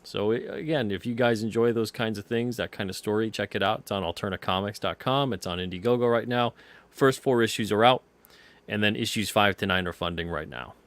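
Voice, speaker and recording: A man's voice: fairly low pitch, fairly bright tone, no room sound. A man talking as an interview guest about his comic series, in emphatic, built-up phrases. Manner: emphatic, builds up phrases with pauses. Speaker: guest, comic book creator. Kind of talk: interview answers.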